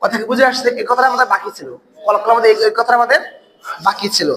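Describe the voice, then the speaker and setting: A man's voice: very high voice, fairly even intonation, very fast, heavy background noise. A man teaching an online Quran recitation class. He asks the learners questions, answers them himself and repeats words over and over to drill the pronunciation.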